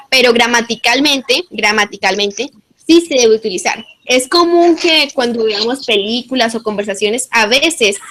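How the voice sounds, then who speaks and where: A woman's voice: a little high, fairly bright tone, a little hiss or hum. A woman teaching an English class, explaining grammar patiently step by step and giving spoken English examples. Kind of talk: online class instruction.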